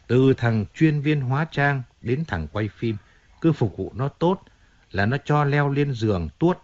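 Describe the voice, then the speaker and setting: A man's voice: medium pitch, a little mellow, highs cut off. A man voicing a self-pitying middle-aged male singer who complains and pleads emotionally, in an audiobook reading.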